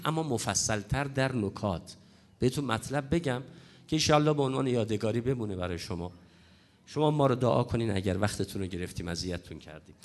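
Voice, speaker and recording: In a mid-range voice roughened by a cold, a man delivers an emphatic religious lecture about prayer, driving his main points home through repetition.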